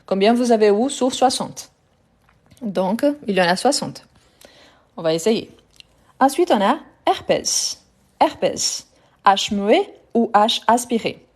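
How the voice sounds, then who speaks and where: A woman's voice: medium pitch, animated, measured pace, pauses often. A woman teaching a live online French lesson, patiently repeating each word to drill pronunciation and speaking directly to her viewers.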